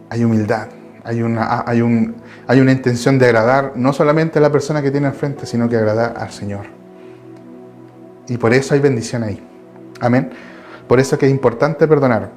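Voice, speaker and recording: A man's voice: medium pitch, a little mellow. A man with a Chilean Spanish accent preaching a Bible study from his home, earnest and repeating his phrases. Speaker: lay preacher.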